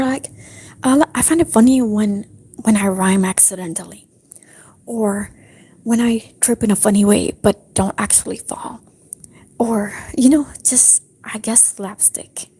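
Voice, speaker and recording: A young woman talks to her stream in a soft, breathy whisper, rambling along with plenty of fillers. Her voice sits a little high but sounds dark and mellow, and she keeps it low the whole time. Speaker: livestreamer. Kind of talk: whispered casual stream chat. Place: apartment restroom.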